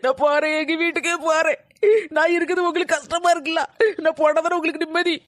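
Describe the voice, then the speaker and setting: A woman voicing a young, quick-tempered daughter-in-law in a cartoon, indignantly arguing back. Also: very high voice, flat delivery, no room sound, clean studio sound. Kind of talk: cartoon voice acting.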